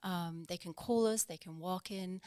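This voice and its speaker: A woman from Denmark with a Danish accent touched by northern English, speaking as a podcast guest in an earnest, measured way. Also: lowish voice, warm tone, clean tone, no room sound, studio quality. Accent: Danish with a northern English tinge. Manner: measured, earnest, explains plainly. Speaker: guest, executive director of a nonprofit. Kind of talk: podcast interview. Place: small podcast studio. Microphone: studio mic on a boom, with headphones.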